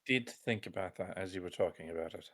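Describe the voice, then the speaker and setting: A man's voice: low-pitched, a little fast, fairly bright tone. A man playing a tabletop game, asking curious questions of a character. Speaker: player.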